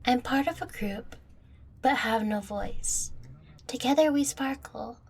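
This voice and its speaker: In a playful audio roleplay, a woman gives an exaggerated performance as an affectionate young catgirl girlfriend, teasing and coy, breathing her lines close to the listener. Her voice is a little high, and she speaks slowly.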